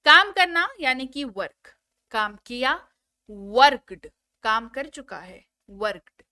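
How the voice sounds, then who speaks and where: A woman teaching English at a very slow, measured pace, pausing often to quiz her students. Her voice is bright and somewhat high. The recording is close and dry, with no room sound. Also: big pitch swings, smooth, no room sound. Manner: slow, drilling word lists with call-and-response prompts. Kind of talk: spoken English lesson.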